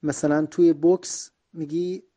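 A man whose first language is Persian teaches everyday English phrases, saying each one slowly before quickly explaining it in Persian. His voice is fairly high, mellow and flat in delivery.

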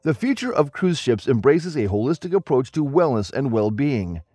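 A man reading a scripted documentary narration in a smooth, evenly paced promotional delivery. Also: medium pitch, very animated, normal speed, darkish tone, no echo. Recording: voice-over with faint background music.

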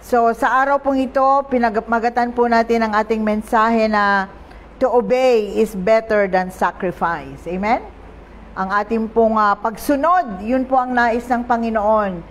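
A woman with a Filipino accent preaching a sermon at a church worship service, speaking deliberately and asking the congregation for an "Amen" often. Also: on the high side, steady tone. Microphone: small microphone.

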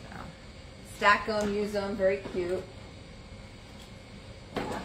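Slow and a bit bright, her medium-pitched voice shows little pitch movement. She's a middle-aged woman chatting casually while livestreaming an antiques sale from a shop booth, listing items, sizes and prices. She moves around in frame before a phone or camera on a stand, and the shop audio is roomy and noisy.

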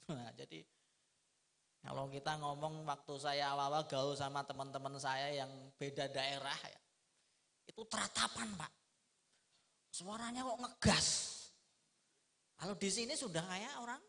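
A middle-aged man giving a lively, humorous religious lecture, asking his listeners rhetorical questions. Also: a little high, vocal fry. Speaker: Islamic preacher.

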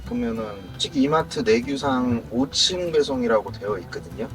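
A man's voice: mid-range voice, normal speed, music in the background, low-quality recording. A man working as a delivery driver, talking frankly and plainly about his job in an interview. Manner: frank, animated, talks plainly about work. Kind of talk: casual interview.

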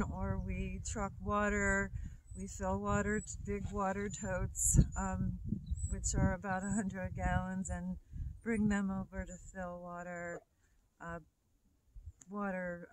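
Unhurried middle-aged farm woman, plain-spoken, filmed outdoors in winter with heavy wind roar. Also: medium pitch. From upstate New York. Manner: slow, plain-spoken, with many ums. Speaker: farm owner. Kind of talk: casual talk to camera. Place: open snowy field outdoors in winter wind. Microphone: camera at a few meters. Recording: loud wind noise outdoors.

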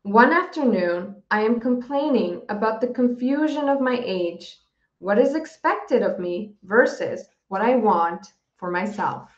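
Slow, steady woman teacher reading aloud. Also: a little high. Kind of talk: reading a novel aloud for students. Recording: dull, roomy recording.

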